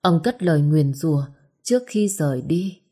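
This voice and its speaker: A woman's voice: sits low, expressive, moderate pace, mellow, breathy edge. A woman storyteller reading a story aloud in a dramatic, scripted narration.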